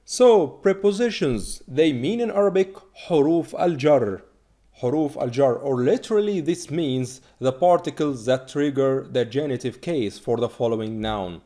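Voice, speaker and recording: This is a man from Egypt, giving a beginner language lesson. His pitch rises and falls in a lively way as he slowly repeats each word to drill it. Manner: slow, repeated drilling of words. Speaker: Arabic teacher.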